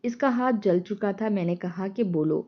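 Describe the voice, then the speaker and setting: A woman narrating a dramatic first-person story in a steady storytelling voice. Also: mid-range voice. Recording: dull lo-fi sound.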